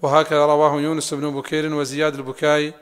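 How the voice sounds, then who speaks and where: A man reading a classical text aloud to a sheikh in a steady, even recitation. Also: on the high side, fast, clean tone. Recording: long hall reverb.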